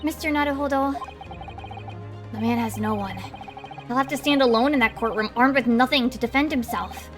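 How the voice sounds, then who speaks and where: A woman's voice: fairly high pitch, moderate pace, long pauses, over music, close to an everyday voice. Woman reading an earnest, nervous young lawyer. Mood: somber. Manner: earnest, reflective.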